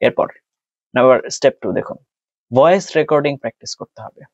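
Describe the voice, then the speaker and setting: A man's voice: mid-range voice, quick pace, no echo. A man with a Bangladeshi accent, an exam tutor explaining tips step by step and mixing in English terms. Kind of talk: spoken tutorial. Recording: dull, dry sound.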